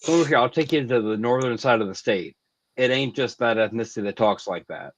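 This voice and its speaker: A man's voice: mid-range voice, a little fast, low-quality recording. A man from the United States in a casual chat, plain-spoken.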